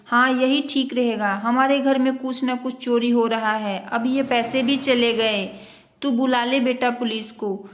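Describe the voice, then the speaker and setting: Lady doing a bossy older mother-in-law, scolding, kinda high, echoey room. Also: fairly even intonation, unhurried, close to an everyday voice. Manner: scolding, suspicious.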